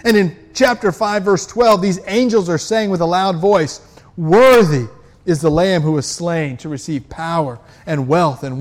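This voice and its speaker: A man preaching a sermon as pastor, animated, acting out scripture quotes with rising intensity. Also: on the high side.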